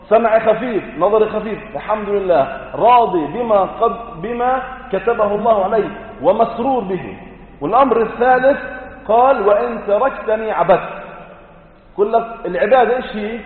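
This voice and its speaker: Male preacher, high voice, explains with rhetorical questions; tinny, echoey hall recording. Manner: chants Quran verses slowly; explains in colloquial asides, asking rhetorical questions. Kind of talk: sermon.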